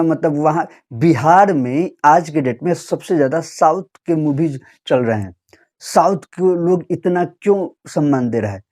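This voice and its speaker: Young man from Bihar, vlogger; mellow, warm tone, earnest and appealing, speaks directly to his audience. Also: fairly high pitch. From Bihar, India. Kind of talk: earnest direct-to-camera commentary.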